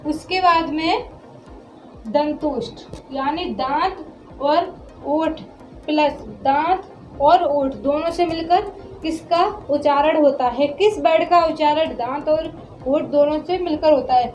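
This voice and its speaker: A woman's voice: sits high, slow pace, a little mellow, echoey room, dull audio. A woman teaching Hindi pronunciation, sounding out syllables one by one and answering her own questions. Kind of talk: classroom lesson on pronunciation.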